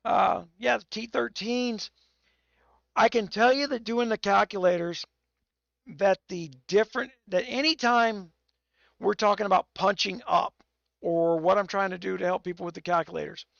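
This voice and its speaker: A tipsy, hoarse man rambling and cursing as he hosts a live game stream. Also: high-pitched, steady tone, moderate pace, a bit bright, no room sound, muffled recording. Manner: rambling and profane, with many restarts. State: tipsy from whiskey; hoarse, losing his voice. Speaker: game livestreamer.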